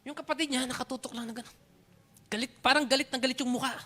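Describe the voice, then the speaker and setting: With a very high voice and a quick pace, a Filipino-accented pastor preaches a sermon. He's animated, tells stories, and switches back and forth between Tagalog and English.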